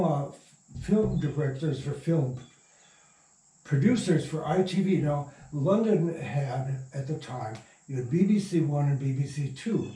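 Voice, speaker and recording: An older man tells rambling stories from his past during a casual interview, his voice warm and on the high side. The recording has a roomy echo, as he is positioned far from the microphone.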